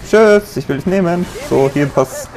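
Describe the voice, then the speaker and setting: A young man talks his way through a shooter game in a loose, joking commentary, often breaking into yells at what happens on screen. His voice sits a little high for a man. Faint game noise runs underneath. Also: moderate pace. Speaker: let's play gamer. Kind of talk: casual gameplay commentary.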